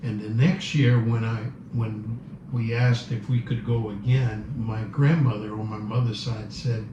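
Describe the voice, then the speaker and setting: A man's voice: fairly low pitch, level tone, measured pace. A man in his seventies from Cuba, a native Spanish speaker, answering interview questions thoughtfully and searching for his words. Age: 70s. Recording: roomy, distant, dull, noisy.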